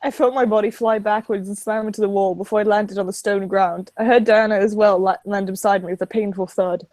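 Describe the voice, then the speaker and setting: A woman's voice: mid-range voice, steady tone, brisk, darkish tone, dry recording. A woman reading visual novel narration aloud in a dramatic storytelling style. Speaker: narrator in a group read-along.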